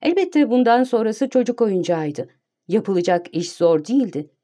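A woman reading an audiobook in calm, measured scripted narration. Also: mid-range voice.

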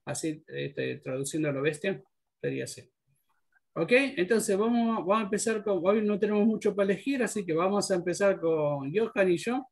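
A man's voice: high voice, moderate pace, vocal fry. A man teaching an English class, patiently explaining pronunciation rules step by step. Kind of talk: online class instruction.

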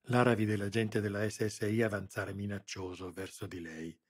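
A man narrating an audiobook in a steady, measured reading. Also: lowish voice, husky. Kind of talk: scripted narration.

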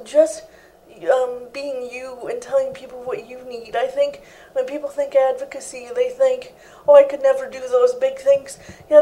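Young woman, interview guest, high pitch, even tone, earnest, steady, lapel mic. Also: low-quality recording. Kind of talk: interview answers. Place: living room set indoors.

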